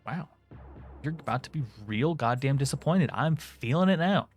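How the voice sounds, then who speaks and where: A man's voice: fairly high pitch, expressive, moderate pace, soft background music. A man hosting a game playthrough, reading the story aloud dramatically with wry, sarcastic asides. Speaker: gaming host reading aloud.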